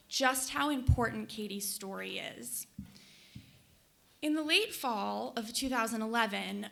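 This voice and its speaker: This young adult woman, a book editor from Colorado, USA, addresses a conference audience with a prepared speech she reads from notes in an earnest, enthusiastic way. Her pitch sits on the high side, creaky and sharp in tone.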